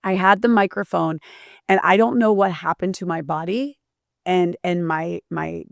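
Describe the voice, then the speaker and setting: A woman hosts an interview and tells her own story with animated energy, often restarting her sentences. Her voice sits low and has a gravelly texture. The sound is dry and close. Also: normal speed, dry recording. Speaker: podcast host. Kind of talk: casual interview chat.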